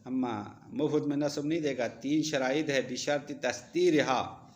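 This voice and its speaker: A man's voice: medium pitch, fairly even intonation. A male seminary teacher gives a classroom lecture. He reads Arabic text aloud, explains each line, and asks the students questions.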